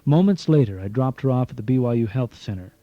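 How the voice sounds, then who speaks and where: A man's voice: medium pitch, animated, fast, no room sound, muffled recording. A man reading his own memoir as an audiobook, telling it earnestly with dry asides, heard from a cassette tape recording. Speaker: author narrating his memoir.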